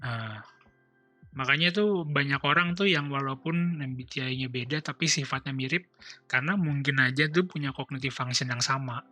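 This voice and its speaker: A man speaks in a bright, crisp-edged tone at a middle pitch. He explains informally and step by step, like a livestream teacher, with faint music behind him. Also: moderate pace, dry recording. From Indonesia. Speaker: streamer explaining personality types. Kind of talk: casual explanatory livestream talk.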